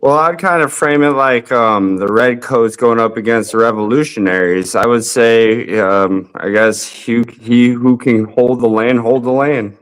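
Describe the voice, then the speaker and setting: A man's voice: medium pitch, unhurried, few pauses, clean tone, rough recording. A man in a casual online debate who hedges and restarts as he reasons aloud. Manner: hesitant, hedging.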